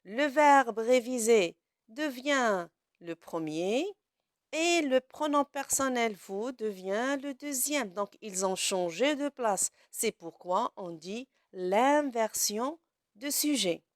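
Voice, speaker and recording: A woman gives a classroom grammar lesson at a very slow, deliberate pace, in a fairly high voice. She asks her pupils questions and then answers them herself. The sound is dry and close, with no room echo. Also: animated. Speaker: teacher.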